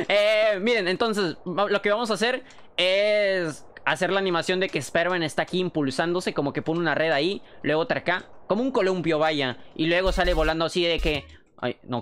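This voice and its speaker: Young Mexican male streamer, rapid casual chat, swears a lot, slightly high voice. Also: smooth. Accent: Mexican Spanish. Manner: fast, excitable, swears freely.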